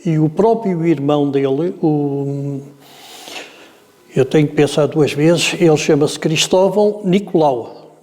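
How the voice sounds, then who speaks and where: A Portuguese man in his seventies with a Lisbon-area accent recalls his family's past at an unhurried, rambling pace, pausing often on filler sounds. His voice sits slightly high yet warm and dark. The room around him lingers with a long reverb tail. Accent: European Portuguese, Lisbon area. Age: 70s. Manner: meandering, hesitant with frequent filler sounds. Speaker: interviewee. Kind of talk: oral history storytelling.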